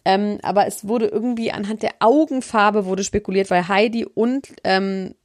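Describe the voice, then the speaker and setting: A woman's voice: medium pitch, fairly even intonation, normal speed, a little mellow, no echo, studio quality. A woman in casual gossip chat as a podcast co-host, talking colloquially and often correcting herself mid-thought. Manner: chatty, colloquial, self-correcting.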